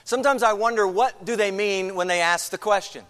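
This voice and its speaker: A man's voice: high voice, fairly quick, fairly bright tone. A male pastor delivering a conversational sermon in a church sanctuary, opening with prayer and putting questions to the congregation. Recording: long reverb in a large hall.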